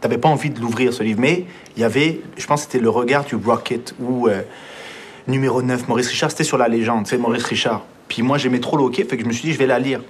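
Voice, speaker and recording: A young man with a Quebec French accent speaks as a radio guest, reflective and storytelling. His words tumble out at a rapid clip, full of little restarts, with faint ambience behind him. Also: medium pitch, fairly even intonation, a little hiss or hum. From Montreal. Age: young adult. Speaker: filmmaker guest. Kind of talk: casual radio conversation.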